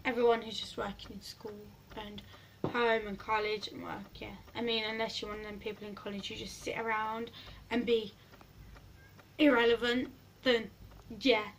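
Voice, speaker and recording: A teenage girl losing her voice chats to her phone camera at arm's length in a small bedroom, speaking at normal speed in a slightly high, level tone. The low-quality recording has a little hiss or hum, and her giggly, rambling talk drifts loud and soft.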